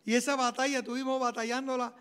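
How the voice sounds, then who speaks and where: A man, preaching a homily as a deacon and telling his own story in an animated way, acting out the dialogue. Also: very high-pitched, fast, clear, resonant tone. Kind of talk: sermon with personal testimony.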